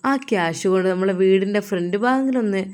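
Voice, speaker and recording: A woman's voice: mid-range voice, fast, darkish tone, clear, resonant tone, natural voice. A woman voicing a young wife from Malappuram who coaxes her husband in a wheedling, sing-song way. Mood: coaxing. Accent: Malappuram Malayalam.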